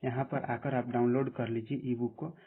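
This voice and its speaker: Man, husky, monotone, app tutorial, step-by-step instructions, thin phone-quality sound. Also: mid-range voice, normal speed. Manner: plain step-by-step instructions, often saying "dekhiye". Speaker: tutorial presenter. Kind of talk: screen-recorded app tutorial. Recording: tinny phone-like audio.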